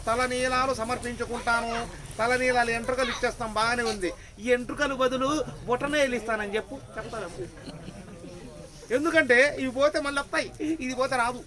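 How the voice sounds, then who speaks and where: A hoarse man preaching a sermon, firing rhetorical questions at the crowd and rising to shouts. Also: very high-pitched, rough recording. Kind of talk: sermon at a religious gathering.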